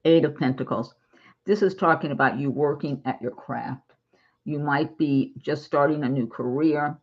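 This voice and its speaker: A woman giving a chatty, casual tarot reading to her viewers, reassuring and quick to giggle. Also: deep voice, muffled recording. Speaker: tarot reader.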